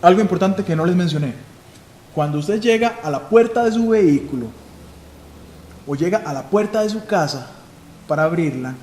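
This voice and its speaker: A man's voice: sits high, expressive, normal speed, long pauses, darkish tone. Male Costa Rican police chief, instructive seminar speaker, roomy hall with faint background noise. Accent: Costa Rican Spanish. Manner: instructive, asks and answers his own questions. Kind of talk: live seminar lecture.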